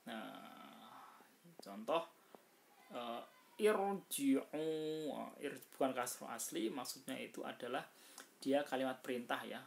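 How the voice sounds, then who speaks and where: Very low, slow woman teaching. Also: creaky. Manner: slow, hesitant explaining with frequent fillers and drawn-out recited examples. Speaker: Quran recitation teacher. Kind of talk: informal tajwid lesson. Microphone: phone screen recording.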